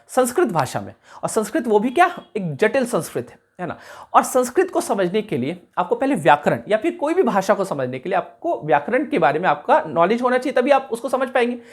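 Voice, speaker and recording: A man teaching a class, explaining carefully, repeating key sounds slowly and checking whether his students follow. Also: sits high. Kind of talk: classroom lecture.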